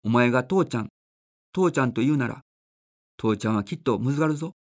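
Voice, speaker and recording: Man reading aloud as kind old country grandmother, coaxing and gently scolding, mid-pitched, storybook reading. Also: lively intonation, quick pace, natural voice.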